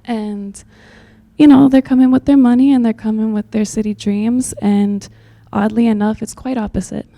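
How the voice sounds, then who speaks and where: A woman from Texas speaks up at a community meeting, heartfelt and rambling, leaning on fillers as she goes. Her voice sits a little high but sounds dark and mellow, with a gravelly fry running through it. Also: fairly even intonation, moderate pace. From Texas, USA. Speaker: community member commenting at a public meeting. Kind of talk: earnest public comment.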